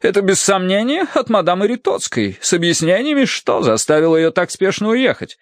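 A man's voice: expressive, fairly quick, no echo, studio quality. A man voicing a flustered, hysterical middle-aged Victorian lady who frets and scolds melodramatically. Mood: fussy. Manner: shrill, fussy, melodramatic.

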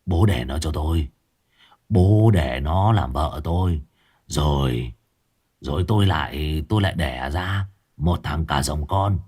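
A man's voice: a bass voice, a little mellow, slightly rough, voice pushed down, heavily acted. A man voicing a sinister young male grave-robbing henchman in a spoken horror story, chuckling and eagerly fawning over his master.

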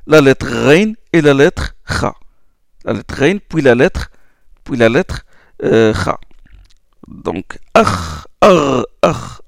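A man teaching Quran recitation, explaining letter sounds slowly with many hesitations and checks like "hmm?", and demonstrating sounds aloud. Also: medium pitch, gravelly, no room sound, clean studio sound. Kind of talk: slow classroom explanation.

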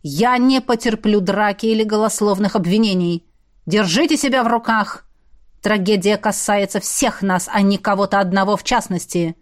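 A woman's voice: mid-range voice, moderate pace, close to an everyday voice. A woman voicing a cold, commanding male ruler in an audiobook. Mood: stern. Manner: clipped, commanding.

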